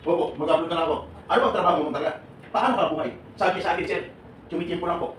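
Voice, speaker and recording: A man from the Philippines with a somewhat high voice, animated and laughing as he quizzes a live seminar audience. He mixes English into his Filipino. The recording is roomy and distant, with clear background noise. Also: rapid-fire. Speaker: seminar speaker for departing overseas workers. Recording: echoey room, distant and noisy.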